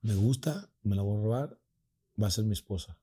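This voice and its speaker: Husky mexican dude telling a crazy story, swears a lot, does all the voices. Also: male voice, fairly low pitch, fairly quick. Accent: Mexican Spanish. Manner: animated, acts out voices in his story, swears freely. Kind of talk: casual storytelling chat.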